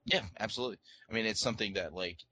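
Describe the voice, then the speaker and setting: A man's voice: on the low side, racing, bright, forceful tone, a little hiss or hum. A man co-hosting a casual podcast, rambling along with many fillers and encouraging his co-host. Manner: rambling, filler-heavy, supportive.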